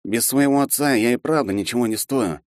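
A man's voice: mid-range voice, fairly quick, no room sound, studio quality, voice pushed up, close to an everyday voice. A man reading an audiobook voices an arrogant half-elf student, a big bully who turns to pleading. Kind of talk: audiobook character voice.

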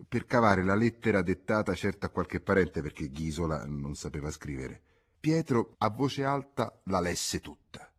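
Guy reading a novel aloud, husky low voice, really lively pitch. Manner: measured literary reading. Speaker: audiobook reader. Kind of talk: scripted narration.

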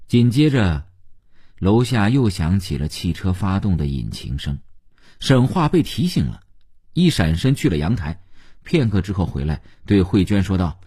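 A man narrating a novel as an audiobook, in an expressive storytelling way. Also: low-pitched, normal speed, breathy edge.

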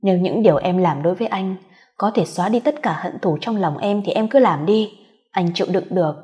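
A woman's voice: mid-range voice, fairly quick, mellow, natural voice. A woman voicing an injured, remorseful young husband who begs tearfully. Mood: resigned. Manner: begging, tearful.

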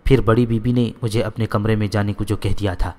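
A man's voice: fairly low pitch, steady tone, darkish tone, in a large hall, close to an everyday voice. A man voicing a devoted, simple-hearted female house maid in a storybook reading, in his own plain voice. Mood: devoted, pleading.

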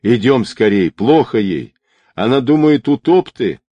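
A male narrator voicing a hoarse, gruff boat bosun who shouts orders. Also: medium pitch, sing-song, unhurried, dry recording, muffled recording, pitched above the performer's own voice. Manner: shouting commands.

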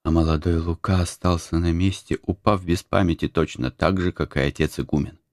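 Low-voiced guy reading an audiobook, dramatic telling, very dry close sound. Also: a little fast, dry recording. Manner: dramatic, expressive storytelling. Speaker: audiobook narrator. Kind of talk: scripted narration.

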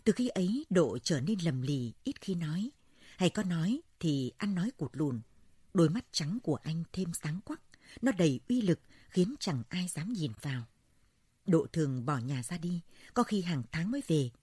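Female folk-story narrator, husky and low, measured delivery. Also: big pitch swings, warm tone, no room sound, studio quality.

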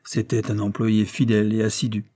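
A male narrator voicing a deliberate, guarded male country lawyer who asks pointed questions. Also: lowish voice, completely flat delivery, dark tone, lightly acted. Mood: probing. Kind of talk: audiobook character voice.

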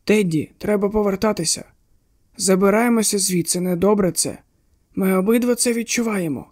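A wary male detective leaning close to warn his partner, as an audiobook narrator voices him, hushed and urgent. His voice sits fairly high for a man and stays low in volume, almost a whisper. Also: moderate pace, natural voice. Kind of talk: audiobook character voice.

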